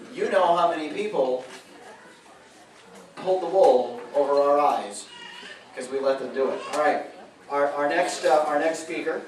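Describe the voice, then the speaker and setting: A radio host emcees a public meeting, spinning folksy stories with chuckling asides. His voice is fairly high, recorded from a distance in an echoey room, with a slight hiss or hum.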